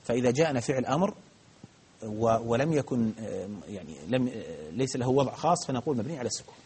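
A man gives a grammar lesson in a rough, husky voice. He talks quickly and patiently, working through each point with frequent restarts and hesitations. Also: mid-range voice, lively intonation, darkish tone. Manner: patient, explains step by step with many restarts and fillers. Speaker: Arabic grammar teacher. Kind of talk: live grammar lesson with questions.

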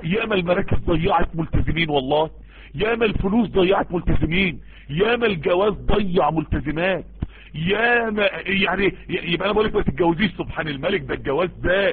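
A man preaching with an Egyptian accent, with a husky voice, pleading with his listeners and repeating his appeals over and over. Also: high voice, slight background noise. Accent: Egyptian Arabic. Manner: pleading, repetitive, emotional. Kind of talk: impassioned online sermon. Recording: tinny phone-like voice-chat audio.

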